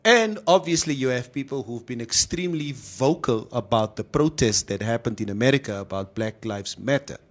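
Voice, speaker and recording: A man's voice: mid-range voice, expressive, moderate pace, few pauses. A man hosting a casual, opinionated discussion, slipping in Afrikaans phrases. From South Africa. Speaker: talk show host.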